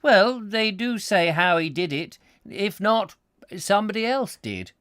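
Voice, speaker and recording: A good-natured country villager answers in a slow, rustic drawl, higher and louder than the reader's normal voice, as a man puts him on. He is cheerful and matter-of-fact, and his pitch swings widely. The sound is close and dry. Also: lively intonation, clear, resonant tone, no echo. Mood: folksy, matter-of-fact. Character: simple, good-natured male English villager, slow and folksy.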